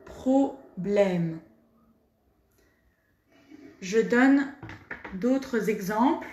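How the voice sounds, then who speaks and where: A woman's voice: medium pitch, expressive, extremely slow, a little mellow, roomy sound, dull audio. A woman teaching pronunciation, carefully articulating and repeating each word. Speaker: French teacher. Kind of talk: pronunciation lesson.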